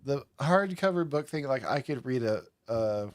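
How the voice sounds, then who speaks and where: Tipsy man chatting, lively pitch. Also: normal speed, no room sound. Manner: rambling, laughs often. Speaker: podcast and stream host. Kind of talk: casual live-stream chat.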